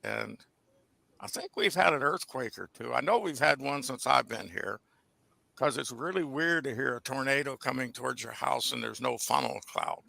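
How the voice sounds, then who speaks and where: A man's voice: mid-range voice, animated, moderate pace, creaky, bright, forceful tone, no echo. An older man with an American accent, chatting and telling stories casually over a video call. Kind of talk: casual chat and storytelling. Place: indoor room on a video call.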